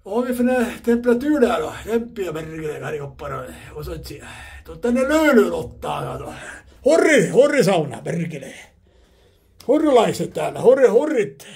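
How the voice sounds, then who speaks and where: Husky high-pitched rambling man. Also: sing-song, darkish tone. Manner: rambling, repetitive, swears often. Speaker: vlogger heating a sauna. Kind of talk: rambling casual monologue. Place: sauna.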